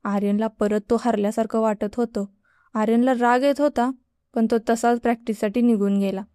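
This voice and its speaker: A woman calmly reading a romance story as the narrator. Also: on the high side, normal speed, clean tone, dry recording, clean studio sound.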